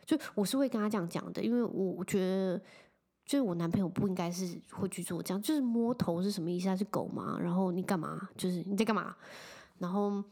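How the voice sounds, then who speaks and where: A young woman from Taiwan talks through her own stories in a relaxed, chatty way. She leans on filler phrases and grows animated as she retells what happened. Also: mid-range voice, quick pace. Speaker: podcast host. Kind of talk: casual storytelling chat.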